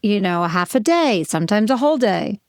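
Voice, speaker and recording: A woman from New Jersey co-hosts a podcast, speaking with a Jersey accent in a mid-range, sing-song voice at a fairly quick pace. The sound is studio quality with no echo. Chatty and casual, she tells stories and quotes herself.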